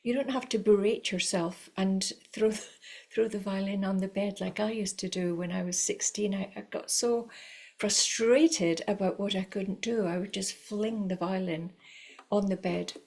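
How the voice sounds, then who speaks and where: A middle-aged woman teaches violin in a calm, unhurried voice, coaching her listeners with patient encouragement. Her pitch sits in an ordinary middle range, and her talk runs loose and conversational, full of small fillers. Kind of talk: spoken lesson to camera.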